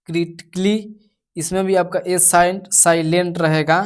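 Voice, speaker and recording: A woman with an Indian accent teaching English pronunciation rules, going slowly through example words one at a time and repeating them. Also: fairly low pitch, level tone. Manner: slow, repetitive, spells out words one by one. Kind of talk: slow classroom explanation in Hindi.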